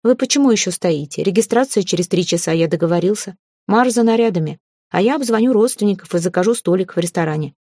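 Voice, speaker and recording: A woman reading an audiobook, voicing a sly, calm middle-aged father who talks slowly and without hurry. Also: on the low side, no room sound. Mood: commanding.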